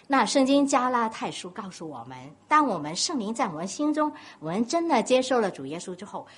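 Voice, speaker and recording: Woman preacher, Cantonese accent, husky voice, lively swooping pitch, storytelling sermon. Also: brisk. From Guangdong, China. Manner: animated storytelling, questions to the congregation.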